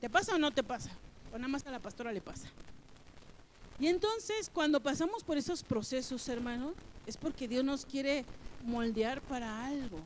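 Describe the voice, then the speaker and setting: A woman pastor preaches in a slightly high voice. She tells everyday stories and puts questions straight to the congregation. A faint hum of room ambience sits behind her. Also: moderate pace, poor audio. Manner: storytelling with lively acted-out dialogue and questions to the congregation. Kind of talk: sermon. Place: church.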